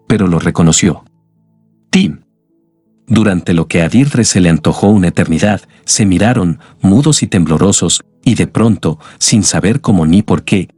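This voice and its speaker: A man narrating an audiobook story in a measured, even way. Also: low-pitched, slightly rough, no echo. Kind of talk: scripted narration. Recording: dry studio voice with faint music.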